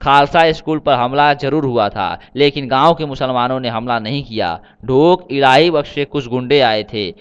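A man's voice: medium pitch, moderate pace, hardly any pauses, clean tone, muffled recording, close to an everyday voice. A man voicing a young Sikh man who firmly sets the facts straight in a storybook reading. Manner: firm, correcting.

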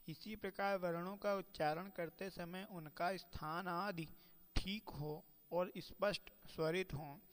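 A man gives a careful lesson, speaking slowly and with deliberate emphasis. His voice sits a little high for a man. It rings out with a long reverb, as if he is in a large hall. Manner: measured, slows to chant quoted verses. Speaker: teacher. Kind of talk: lecture on Sanskrit pronunciation.

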